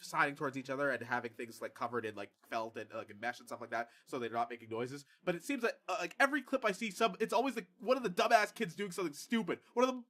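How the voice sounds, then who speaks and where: A man's voice: fairly high pitch, lively intonation, quick pace, few pauses, fairly bright tone. A man hosting a podcast, chatting casually with lots of fillers and frequent laughter. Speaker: podcast host. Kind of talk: casual chat.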